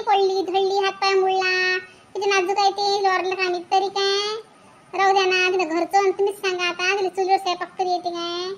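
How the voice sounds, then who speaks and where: A woman playing a grumbling village sister-in-law who complains and exclaims a lot in a comedy skit. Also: very high voice. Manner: whiny, complaining, exclaims often. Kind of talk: comedy sketch acting.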